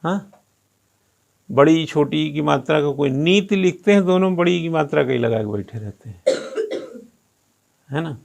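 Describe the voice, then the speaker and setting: A man's voice: on the high side, moderate pace, creaky, pauses often. A male coaching teacher giving a classroom lecture, firing rhetorical questions at students and teasing them while he drills pronunciation.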